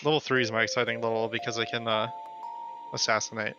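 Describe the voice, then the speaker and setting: A man's voice: medium pitch, flat delivery, fast talker, highs cut off. A man chatting casually in a group conversation. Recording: music playing behind the voice. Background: music.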